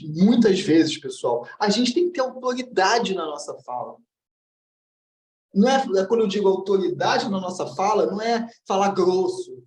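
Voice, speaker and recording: A man's voice: sits high, distant mic. Man, commented-reading teacher, blunt and direct delivery, recorded off-mic in a roomy space. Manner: blunt and direct, acts out quoted voices. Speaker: teacher of self-knowledge. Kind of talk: commented book reading lesson.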